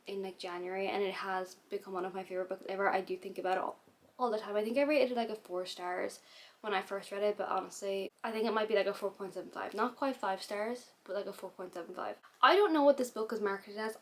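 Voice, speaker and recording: A woman rattles off a rambling, chatty talk to camera at a quick clip, her voice sitting at an ordinary middle pitch. She keeps breaking off to hiccup. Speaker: book vlogger. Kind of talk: casual chat to camera.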